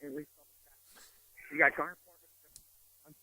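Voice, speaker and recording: A man's voice: fairly high pitch, little pitch movement, slow pace, bright, forceful tone, no echo. A blunt, opinionated man calling into a sports talk show from a hotel, his phone line fading in and out. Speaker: phone-in guest analyst. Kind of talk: sports talk radio discussion. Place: hotel room.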